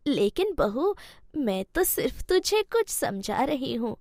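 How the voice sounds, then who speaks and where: A woman voicing a stern but caring old mother-in-law in a cartoon story, talking slowly as she scolds and soothes. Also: high-pitched, very animated, darkish tone, no echo, clean studio sound, exaggerated voice. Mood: stern, gentle. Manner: slow, scolding, then soothing.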